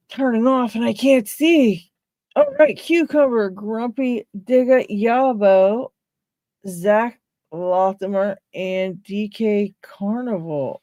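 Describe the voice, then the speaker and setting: A woman from Pennsylvania, USA, with a Pittsburgh accent hosts a casual live stream, chatting with viewers, reading names from chat and laughing often. Her voice is mid-range and mellow, with no echo.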